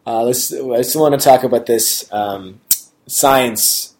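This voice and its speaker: A man's voice: mid-range voice, takes it slowly, a little mellow. Guy co-hosting a podcast, talks casually, lots of ums while he hunts for words. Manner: hesitant, searching for words, laughs often. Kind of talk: casual chat.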